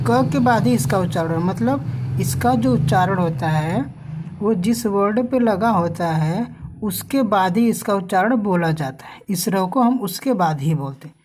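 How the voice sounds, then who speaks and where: A woman's voice: mid-range voice, background noise. A woman teaching how to spell names, asking questions to the viewer and drawing out each letter. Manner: slow, drawn-out spelling with quiz questions to the viewer. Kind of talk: spelling lesson for learners.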